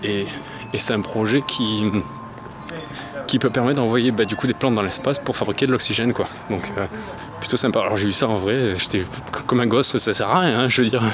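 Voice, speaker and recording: Over music and loud outdoor traffic, a young man from France talks casually as he walks through the city, filling his vlog with slang and fillers. His voice is on the low side and brisk.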